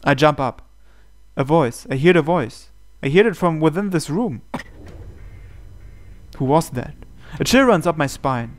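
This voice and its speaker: A gaming channel host, voice on the high side, narrates a visual novel dramatically at a measured pace, with lively intonation and frequent pauses. Background music from the game accompanies him.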